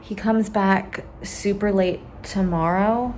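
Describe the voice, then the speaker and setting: A woman's voice: mid-range voice, fairly even intonation, slow pace, darkish tone, a little hiss or hum. A woman chatting casually about her day in a vlog, informal and self-deprecating. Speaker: vlogger, freelance musician.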